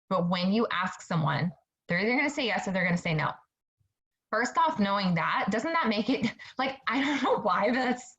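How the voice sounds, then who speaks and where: A woman's voice: mid-range voice, a bit bright, highs cut off. A woman in her thirties giving a motivational talk to her sales team, chatty and upbeat, often turning to her listeners directly. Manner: chatty, upbeat, keeps saying "you guys". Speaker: network marketing team leader.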